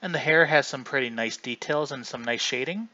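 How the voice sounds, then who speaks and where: Man streamer, bright forceful voice, loose casual commentary, dull lo-fi home recording. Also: mid-range voice, fairly quick. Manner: chatty, rambling, often restarts mid-sentence. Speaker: livestream host.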